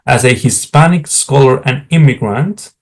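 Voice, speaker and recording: A middle-aged Spaniard, a native Spanish speaker with a Spanish accent, works as an academic career advisor and gives a frank explanatory talk to camera on writing academic job materials, often turning aside to viewers. He speaks at a moderate pace in a medium-pitched voice.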